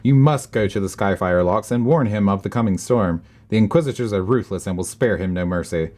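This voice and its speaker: A man's voice: fairly low pitch, a little fast, a little mellow, close to an everyday voice. A man voicing a loyal male servant of a noble house, reading game dialogue aloud in a formal, dramatic tone with urgency. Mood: urgent.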